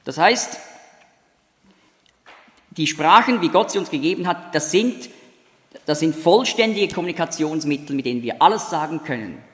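A man preaching in a high, lively voice that climbs and dips through every phrase. He explains scripture point by point and now and then acts out sounds to illustrate. His voice carries the long reverb of a large hall. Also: moderate pace, long pauses. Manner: explains with demonstrations, imitates sounds. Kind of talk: sermon.

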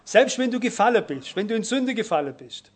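Preacher, male, high voice, fervent sermon delivery that rises and falls. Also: big pitch swings, brisk, breathy edge. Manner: fervent, exhorting, swings between quiet and loud.

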